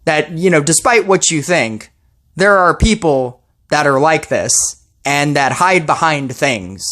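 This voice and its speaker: A woman's voice: low-pitched, expressive, unhurried, fairly bright tone. A woman posting a ranting commentary video about a mobile game, sarcastic and exasperated.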